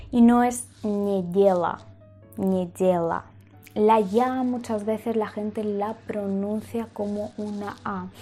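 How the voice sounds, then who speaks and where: Slow, mellow-voiced woman teaching pronunciation. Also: on the high side. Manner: patient, repeats example words many times. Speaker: language teacher. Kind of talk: pronunciation lesson.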